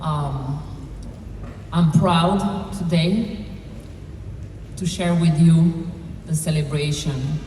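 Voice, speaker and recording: A woman's voice: low voice, a little mellow, a little hiss or hum. A woman from Morocco and France, widow of the deceased, giving hesitant thanks at a podium during a memorial. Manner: slow, hesitant, with many pauses. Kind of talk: halting public speech. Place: large hall at a podium. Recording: echoey hall, mic picked up from a distance.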